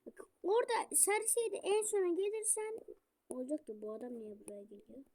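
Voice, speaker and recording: A young woman chatting while playing a game with a friend, bossy, teasing and excitable, full of slang. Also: extremely high pitch, normal speed. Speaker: gamer. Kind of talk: casual gaming banter.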